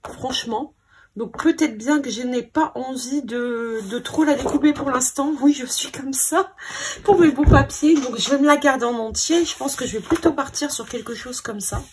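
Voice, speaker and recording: A woman's voice: sits high, normal speed, background noise. A woman hosting a scrapbooking video, thinking aloud in a hesitant, casual way as she sorts her papers. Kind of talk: casual crafting commentary.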